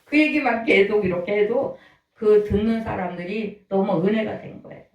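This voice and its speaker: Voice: mid-range voice, moderate pace, far from the mic, highs cut off. A pastor in their sixties preaches in a folksy, chatty way, throwing questions out to the congregation. The voice sits in the middle of the range and sounds set back from the microphone. A roomy church echo hangs around every phrase. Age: 60s. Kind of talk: conversational sermon. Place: church sanctuary.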